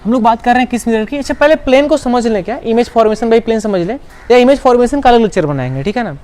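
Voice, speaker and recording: A man's voice: very high-pitched, expressive, fast talker, a little mellow. Man teaching in a repetitive question-answer style. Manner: asks students questions and answers them himself; repeats key words for emphasis. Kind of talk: online class lecture.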